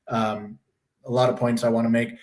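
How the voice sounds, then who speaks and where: This young livestream host has a hoarse voice that is going from a sore throat, yet his tone stays level, a little mellow, and at an ordinary middle pitch as he talks at a moderate pace. He rambles casually between topics, speaking bluntly and swearing freely.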